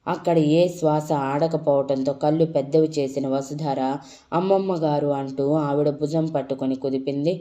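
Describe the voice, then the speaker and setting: Low-voiced woman narrating an audio story. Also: normal speed. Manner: steady reading with small self-corrections.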